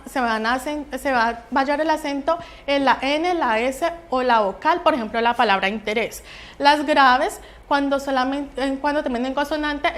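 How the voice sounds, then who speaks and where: Brief: young woman from Colombia, student presenter, high voice, halting delivery with restarts. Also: fairly bright tone. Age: young adult. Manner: halting, with restarts and fillers while explaining. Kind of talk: class presentation.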